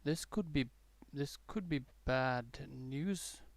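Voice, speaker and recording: A man with a gravelly, creaky voice and an accent that blends American and British English. He talks through live trades in a loose, chatty way, trailing off into fillers and false starts. The sound is close and dry, with no room around it. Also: mid-range voice, slow, no echo. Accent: mixed accent, partly American-tinged English learned abroad, softened by years in the UK. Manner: chatty and rambling, with many fillers and restarts. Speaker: day-trading livestream host. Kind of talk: casual live trading commentary.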